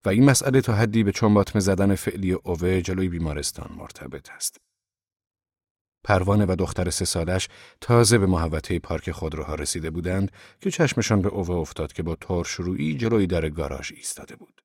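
A male audiobook narrator reads a novel in a calm, measured way. His voice is very low and deep. The sound is dry and close, with no room around it. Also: gravelly, slightly rough, no room sound.

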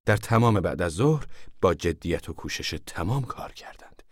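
A man narrating an audiobook in a measured, even reading. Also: low-pitched, no echo, studio quality.

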